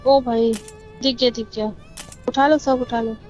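Brief: high-voiced woman teammate, chatty and teasing, faint music under her. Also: fairly even intonation, a little mellow, highs cut off. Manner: chatty, teasing, quick reassuring. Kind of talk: casual game chat.

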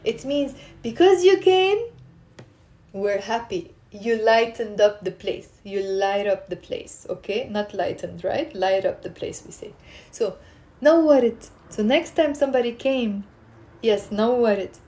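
A woman in her thirties with a fairly high voice and a Lebanese accent. She teaches in an informal, animated way, encouraging her listeners and repeating words carefully, as if live to a phone in a room at home. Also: measured pace. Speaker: Arabic teacher and live stream host. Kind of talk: informal live language lesson, explaining and questioning viewers. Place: small indoor room at home. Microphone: phone at arm's length.

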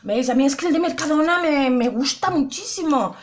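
A woman's voice: high-pitched, expressive, normal speed, a little hiss or hum. A young woman chatting casually to her viewers through a makeup tutorial, often repeating and asking if they see. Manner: chatty, addresses viewers directly, repeats herself. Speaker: beauty vlogger.

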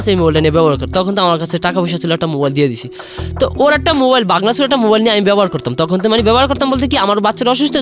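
A young man, rambling through an emotional personal story as a radio caller and saying "brother" again and again. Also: sits high. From Bangladesh. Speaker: caller sharing a confession.

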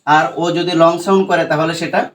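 A man gives a spoken tutorial lesson on English pronunciation. His voice sits a little higher than most men's. He keeps asking rhetorical questions and answering them himself, talking straight to the learner. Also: steady tone, quick pace, a bit bright. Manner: asks questions and answers them himself, addresses viewers directly.

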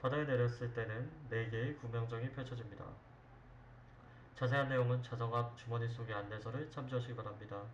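A man giving scripted in-flight announcements over a cabin PA in a formal, measured, polite way. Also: medium pitch, fairly even intonation, muffled recording. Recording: echoey cabin PA with loud engine noise.

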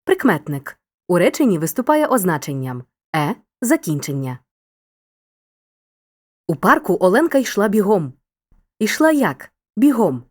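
A woman narrates a scripted grammar lesson for children. Her delivery is clear and encouraging, with a very animated, swooping intonation that keeps young listeners engaged. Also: medium pitch, unhurried, pauses often. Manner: clear, upbeat, encouraging teacher tone. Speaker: teacher.

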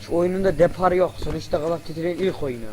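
A young man giving casual, loud, cursing commentary as he plays a shooter game, shouting at enemies. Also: fairly high pitch, steady tone, fast, crowd noise, low-quality recording. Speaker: gaming video creator. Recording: loud game gunfire behind the voice.

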